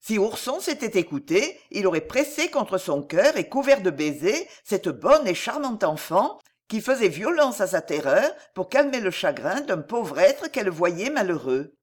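A woman reading a classic children's storybook aloud in a measured, expressive storytelling manner. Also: medium pitch.

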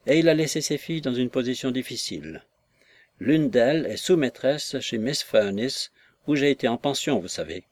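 A man voicing a tender young daughter who pleads gently in an audiobook reading. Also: mid-range voice, lively intonation, moderate pace, natural voice. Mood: pleading.

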